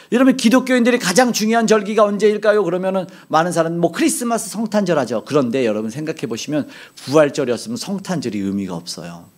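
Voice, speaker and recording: A Korean man preaches a Sunday sermon in a high, lively voice that swings widely in pitch. He presses his listeners with rhetorical questions and builds his points through repetition, climbing toward near-shouts. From South Korea. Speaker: pastor. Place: church sanctuary.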